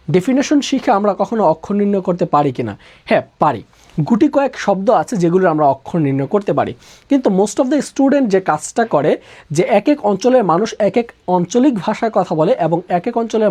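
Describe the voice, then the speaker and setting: A man's voice: high voice, darkish tone. A male teacher giving a live online lecture, repeating questions and answers to drill the point, with frequent "ah" fillers. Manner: repetitive call-and-response questioning; uses filler "আহ" often.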